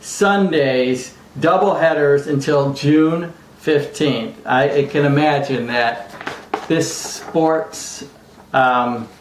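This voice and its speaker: An amateur sportscaster acting as sidekick co-host delivers an informal mock sports report, rambling, stumbling, and tossing in self-deprecating asides. His voice is a little high and he takes things slowly. The room is echoey, with faint background noise.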